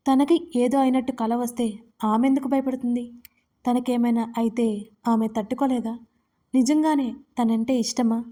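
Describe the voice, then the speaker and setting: A woman narrating a romance audio story with steady, expressive reading. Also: fairly high pitch.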